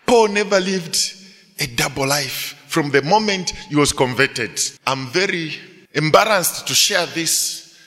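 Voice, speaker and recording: A middle-aged male pastor preaching to students, telling a story with animated delivery and frequent rhetorical questions. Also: a little high, measured pace, long reverb tail, a faint crowd. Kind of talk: sermon to students.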